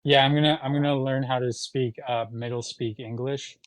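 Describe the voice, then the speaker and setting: A man's voice: medium pitch, steady tone, moderate pace, no room sound, rough recording. A man hosting a casual livestream, trading joking, playful banter in an easy mid-range voice. His voice sounds close and dry, with no room sound around it. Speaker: livestream host.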